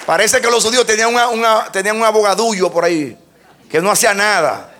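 A man preaching a sermon, moving between quiet teaching and loud fervent exclamations, often saying "amén" and restarting his sentences. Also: high-pitched, quick pace, some chatter behind. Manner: frequent "amén" and hesitant restarts.

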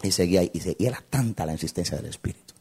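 A male pastor telling a testimony in a sermon, dramatic, swinging from loud to hushed. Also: deep voice, racing, husky.

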